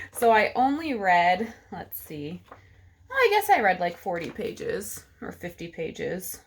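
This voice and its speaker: Young woman vlogger, lowish voice, rambling casual diary talk from home. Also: a bit bright. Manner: chatty, many fillers like "like" and "um". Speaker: book vlogger.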